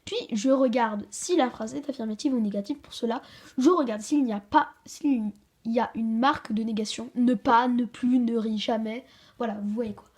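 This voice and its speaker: A woman hosting a home-made grammar lesson, hesitant, with many fillers and restarts, slowing down to stress example sentences. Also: fairly high pitch, a little mellow. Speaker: channel host teaching a French grammar lesson. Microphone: camera she handles herself.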